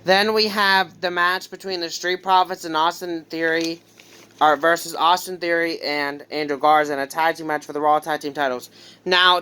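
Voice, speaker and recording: A casual vlogger talks through predictions in a loose, hesitant way, stopping on ums and correcting slips as they go. The voice is crisp and smooth, with a bright, forward edge. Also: mid-range voice. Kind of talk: casual wrestling prediction talk.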